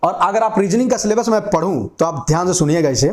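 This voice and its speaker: A man's voice: high voice, expressive, quick pace, reverberant. A young man teaching an exam-prep class at a whiteboard, often repeating key points and asking and answering his own questions. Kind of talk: classroom lecture.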